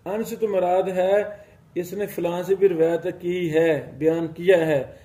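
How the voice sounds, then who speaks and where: A man teaching a religious studies class, explaining slowly, reciting Arabic passages and checking whether his students follow. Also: high voice, fairly even intonation, dark tone. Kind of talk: classroom lecture.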